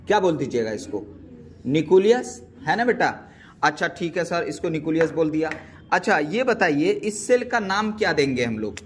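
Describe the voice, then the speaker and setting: A man's voice: sits high, a little hiss or hum. A man teaching biology, quizzing his students with repeated questions and calling them "beta.". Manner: calls students "beta" affectionately. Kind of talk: classroom lecture.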